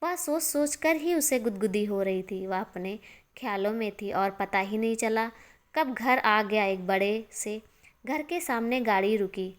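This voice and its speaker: A woman narrating a moral story in a steady, expressive storytelling manner. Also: medium pitch.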